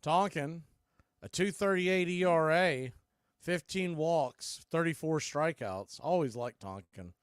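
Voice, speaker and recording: Slow and a little high, with a clean tone, an American play-by-play man calls a baseball game live and adds casual, folksy asides. The recording is dry and studio quality.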